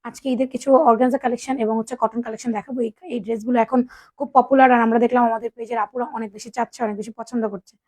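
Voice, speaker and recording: A woman sells clothes on a live stream. She speaks softly, greets viewers by name and keeps checking that they can hear her. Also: fairly high pitch, little pitch movement, rapid-fire, no room sound. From Bangladesh. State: sore throat, speaking softly. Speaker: online clothing seller.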